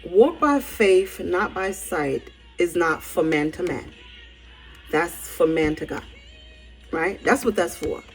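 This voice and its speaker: A woman's voice: fairly low pitch, slow pace, faint music behind, poor audio. A woman giving an informal sermon, telling colloquial stories emphatically and often checking in with tag questions. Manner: animated, colloquial storytelling with frequent "right?" tags.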